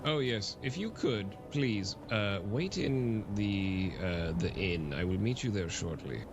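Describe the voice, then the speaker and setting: A man playing a mysterious wandering riddler in an improvised game role-play, speaking slowly and grandly. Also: lowish voice, animated, dull audio, music in the background. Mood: cryptic. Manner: slow, grandiose, riddling speech. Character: mysterious wandering male riddler, cryptic and solemn.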